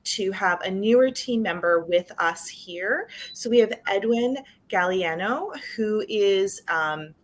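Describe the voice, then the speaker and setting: Woman, introducing guests, mid-pitched, hesitant with ums. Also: slow, few pauses. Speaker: staff member introducing guests.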